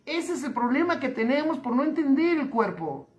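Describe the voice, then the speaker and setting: A man, a pastor preaching a livestreamed sermon, emphatic and slowing down to repeat key phrases. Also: very high-pitched, sing-song, darkish tone. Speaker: pastor and teacher. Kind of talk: livestreamed sermon reading viewer comments.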